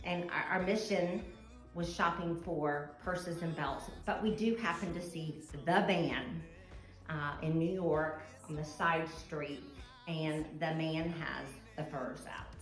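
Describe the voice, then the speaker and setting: Animated woman storyteller in an echoey room. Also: low-pitched, slow pace, faint music behind. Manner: animated, laughs while telling, shrieks to act out others. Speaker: friend telling stories at a birthday tribute. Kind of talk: casual storytelling.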